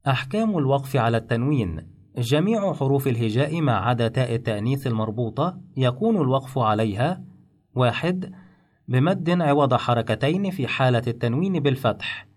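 Man giving a measured spoken lesson. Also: medium pitch, lively intonation. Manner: measured, explains rules step by step. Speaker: teacher. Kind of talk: instructional narration.

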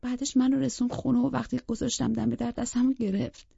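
A woman's voice: a little high, level tone, gravelly, mellow, slightly rough, no echo, lo-fi sound. A woman reading a psychological thriller aloud as a first-person audiobook narrator, in a tense, intimate way that sometimes drops to a whisper.

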